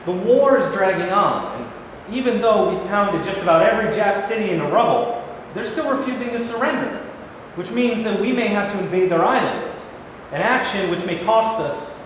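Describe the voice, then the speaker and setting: A man playing a troubled, plain-spoken middle-aged president in a staged play reading. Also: high voice. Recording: very echoey hall, noisy room recording.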